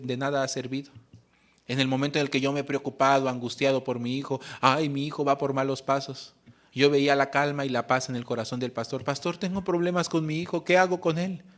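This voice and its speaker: A man preaching in church. He gives earnest testimony and often pauses to restart a phrase. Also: medium pitch. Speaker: pastor. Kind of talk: sermon.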